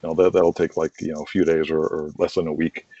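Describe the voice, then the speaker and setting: With a rumbling low, mellow voice and flat delivery, this fast talker explains his wrestling audio drama at length during a casual interview. He rambles conversationally, leaning heavily on "you know" and "like," and the call audio is dull, lo-fi and roomy with echo.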